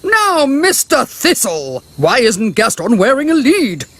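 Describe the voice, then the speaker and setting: A woman playing a bossy, jolly pet trainer in a children's cartoon, barking brisk, emphatic commands and clipped praise. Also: fairly high pitch, huge pitch swings, no room sound, heavily acted. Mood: bossy, firm. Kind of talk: animated children's cartoon acting.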